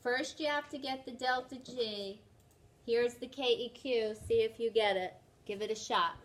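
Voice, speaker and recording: A woman's voice: on the high side, moderate pace, slight background noise. A woman with a New York accent teaching chemistry in a classroom, working problems step by step and urging her students to try them.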